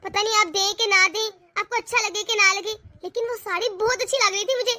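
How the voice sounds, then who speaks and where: A spoiled young college girl wheedles and pleads to get what she wants, voiced by a woman. The voice is very high and bright. It is a homemade family drama with a dry, close sound. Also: steady tone, fast, no room sound. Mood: wheedling.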